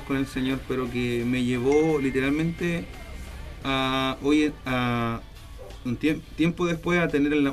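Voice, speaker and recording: A man with a slightly raised pitch speaks in a loose, rambling way, stacking fillers and false starts. Soft music plays faintly behind him. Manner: rambling, many fillers and restarts. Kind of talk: casual faith chat.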